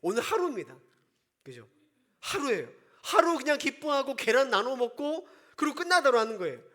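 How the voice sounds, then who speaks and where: A man's voice: extremely high pitch, very animated, moderate pace, pushed and bright. A male pastor preaching a sermon in church, emphatic and often putting rhetorical questions to the congregation.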